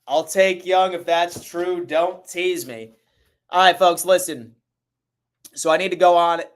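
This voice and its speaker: A man hosting a casual sports livestream, talking to his viewers in a hurried, urgent way. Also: sits high.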